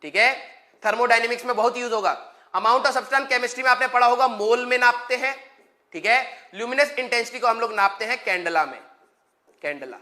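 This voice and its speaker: Guy teaching physics online, kinda bright voice, jokey and chatty. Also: very high voice, normal speed. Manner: playful, joking, mixes English terms into speech. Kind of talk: live online lecture.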